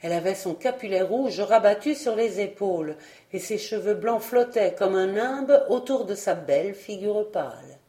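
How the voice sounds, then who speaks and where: A woman narrating a storybook in a calm, measured reading voice. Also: mid-range voice, reverberant. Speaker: audiobook reader.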